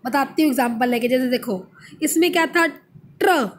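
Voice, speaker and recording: A woman's voice: high voice, normal speed. A woman teacher with an Indian accent gives a lesson to young children, patiently sounding out letters, repeating words and asking the class questions that she answers herself. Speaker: school teacher.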